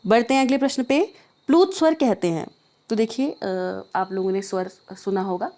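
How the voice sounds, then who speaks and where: Lady teacher going through exam questions, fairly high voice, checks in a lot as she explains. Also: animated, moderate pace, mellow. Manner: explains step by step, keeps checking in. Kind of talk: exam prep lesson.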